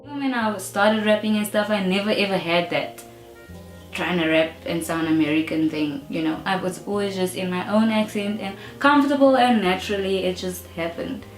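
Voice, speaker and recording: Casually interviewed, this young South African rapper, whose first language is English, speaks frankly and with emphasis, peppering in "you know." She has a medium pitch and a moderate pace. There's a roomy echo and faint background music.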